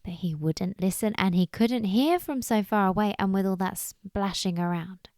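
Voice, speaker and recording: A British woman narrating a children's story, expressive and chatty, with asides to her listeners. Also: medium pitch, normal speed, dry recording, studio quality.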